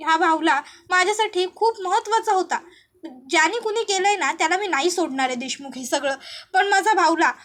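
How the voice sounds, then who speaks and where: A woman's voice: extremely high pitch, brisk, fairly bright tone. A woman voicing an emotional young wife, tearful and pleading.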